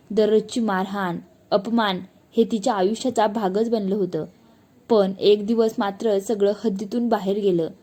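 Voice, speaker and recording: A woman's voice: mid-range voice, warm tone. A woman narrating a scripted, sorrowful family story with emotional delivery.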